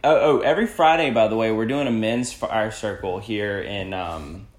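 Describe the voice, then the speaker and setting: A laid-back young man chats easily, dropping "man" and "bro" as he goes. His voice sits somewhat low. The sound is roomy and echoey. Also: normal speed. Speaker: podcast co-host. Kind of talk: casual chat. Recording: echoey room.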